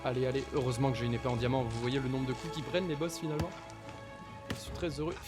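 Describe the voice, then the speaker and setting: A man's voice: medium pitch, fairly even intonation, racing, over loud music. A man giving casual commentary on his Minecraft playthrough, talking to the mobs and to viewers, repeating nervous exclamations in tense moments. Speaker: gaming YouTuber.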